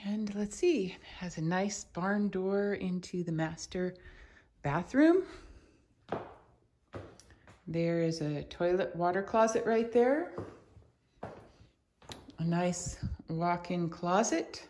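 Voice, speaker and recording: A real estate agent gives a casual house tour without a script, chatting and thinking aloud as she walks around. Her fairly low, slightly mellow voice is expressive, and she takes it slowly with long pauses. She films on a handheld camera or phone she holds herself, producing a clearly noisy recording.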